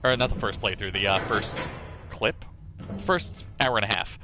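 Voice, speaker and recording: A man's voice: fairly low pitch, moderate pace. A man doing casual live game-stream commentary, chatting and thinking aloud as he plays. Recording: music behind the voice. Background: music.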